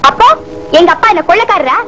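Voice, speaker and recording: An actress playing a devoted young wife in a 1980s Tamil film, pleading tearfully and snapping back with sharp retorts. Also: female voice, very high voice, lively intonation, fast, rough recording. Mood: defiant. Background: film score music.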